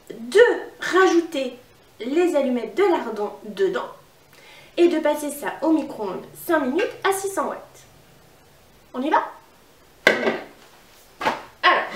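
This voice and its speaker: A woman's voice: sits high, very animated, a little slow, long pauses, distant mic. Chatty northern French woman in echoey kitchen. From northern France. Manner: chatty, upbeat, addresses viewers directly. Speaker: cooking demonstrator. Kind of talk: casual cooking demo.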